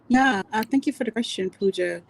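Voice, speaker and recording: A woman's voice: on the high side, brisk, creaky, husky. A woman, born in Grenada, telling a personal story earnestly and unhurriedly on a video call, with many "you know"s. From Grenada, raised in Trinidad and Tobago. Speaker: guest speaker.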